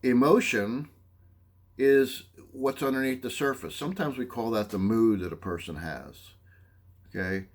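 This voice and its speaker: A man teaching a psychology lesson, explaining listening skills, often checking in with "okay?" and acting out short examples. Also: lowish voice. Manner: animated, acts out examples. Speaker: psychology instructor. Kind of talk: lecture.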